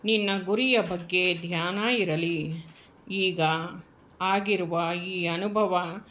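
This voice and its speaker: A woman voicing a gentle old yogi guru. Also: lowish voice, steady tone, extremely slow. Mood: instructive. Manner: gentle, coaxing, instructive.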